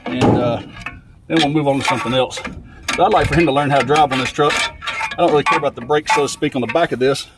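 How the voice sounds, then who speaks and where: A man's voice: mid-range voice, fast, very noisy. A man giving casual working commentary while fixing an old truck. He is out of breath and rambles, with many fillers. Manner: rambling, filler-heavy, laid-back.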